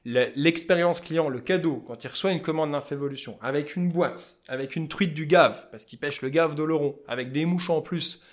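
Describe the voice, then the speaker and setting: A man with a Vosges accent, a fly-tying business owner talking loudly and passionately as an interview guest. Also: fairly high pitch, moderate pace, few pauses. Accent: Vosges French. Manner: loud, passionate, talkative. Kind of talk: casual interview chat.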